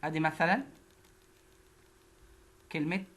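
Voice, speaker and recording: A woman with an Egyptian Arabic accent teaching a phonics lesson, slowly repeating syllables one at a time. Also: low voice.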